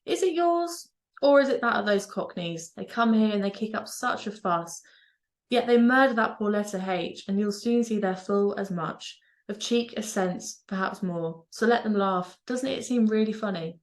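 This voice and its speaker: A woman's voice: mid-range voice, moderate pace. A woman from Norfolk, a lecturer, giving a scripted presentation and reading in standard English. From Norfolk, East Anglia, England. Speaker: university lecturer.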